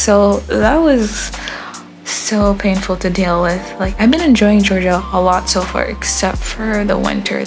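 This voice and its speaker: A young woman artist from Florida chatting casually in a rambling, relaxed voice-over while she draws, with frequent ums. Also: medium pitch. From born in Haiti, grew up in Florida. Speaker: artist vlogger.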